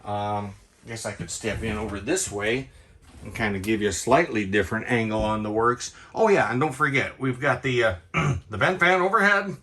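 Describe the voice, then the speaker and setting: A man giving a chatty, quick sales walkthrough inside a travel trailer, tossing in playful sound-effect asides. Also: on the low side, expressive, pushed and bright. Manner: talks quickly, cramming in details. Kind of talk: product walkthrough tour.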